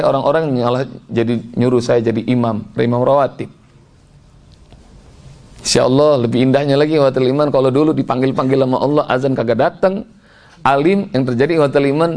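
A male preacher, telling a story in a lively sermon and talking to the congregation. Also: mid-range voice. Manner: lively storyteller, acts out voices, addresses the congregation.

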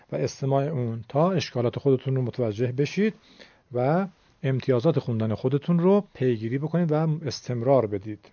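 A man's voice: medium pitch, mellow, dry recording. Man teaching Quran recitation, muffled. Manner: slow, emphatic, demonstrates pronunciation. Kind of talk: radio-style recorded lesson. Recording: muffled lo-fi dry recording.

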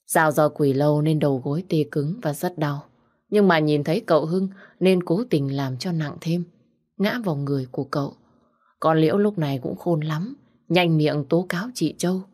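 Woman narrating in a very low voice. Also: normal speed, warm tone. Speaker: storyteller. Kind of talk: storybook narration.

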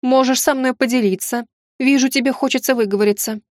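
A woman's voice: high-pitched, fairly even intonation, a little fast, no echo, close to an everyday voice. Patronizing storybook noblewoman, silky and curious, done by a woman narrator, dry close read. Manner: smooth, condescending, softly amused.

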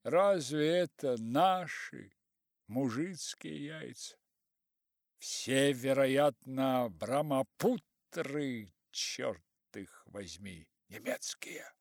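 A man voicing an excitable, boastful middle-aged farm manager who talks loudly and fussily. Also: drawn-out words, vocal fry, no echo, clean studio sound, exaggerated voice. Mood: fussy, proud. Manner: shouts high down a crackly phone line.

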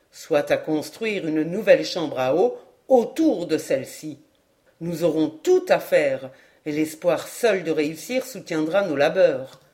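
A young man from a storybook, steady and earnest, speaking a little lower than the narration, as a woman narrator puts him on. He reasons and encourages with calm resolve.

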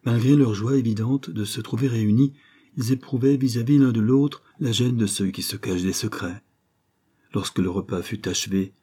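A man reads a classic novel aloud in a measured, even narration. His voice sits low, dark and mellow. It has a husky edge. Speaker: audiobook narrator.

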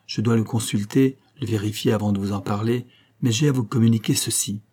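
A man voicing a calm, methodical male police detective in an audiobook, with a measured, explanatory delivery. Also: fairly low pitch, husky. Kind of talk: audiobook character reading.

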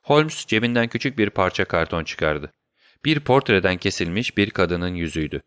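A man narrating an audiobook with a steady, measured reading. His voice is fairly low and resonant. The recording is close and completely dry. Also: smooth, no room sound. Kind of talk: scripted narration.

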